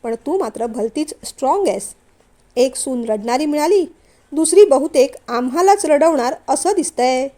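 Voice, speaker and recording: A woman voicing a stern older male company boss in a storybook reading, in a lowered voice. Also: lively intonation, moderate pace, warm tone. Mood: wry.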